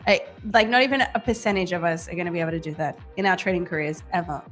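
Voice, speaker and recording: A woman's voice: lowish voice, racing, soft background music. Upbeat woman co-host. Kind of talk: casual chat.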